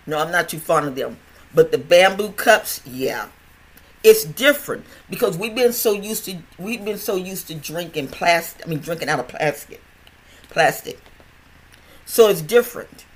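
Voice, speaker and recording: An animated, medium-pitched voice at normal speed carries this casual health podcast monologue. The older host stutters and wanders conversationally, with lots of restarts and repeated words.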